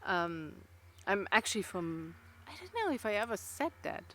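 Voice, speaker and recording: A Luxembourgish vlogger, whose first language is Luxembourgish and who speaks with that accent, chats casually to camera. Her mid-range, fairly bright voice swings widely in pitch at a normal speed, and her talk rambles with lots of fillers, hesitations and restarts, with a little hiss or hum audible.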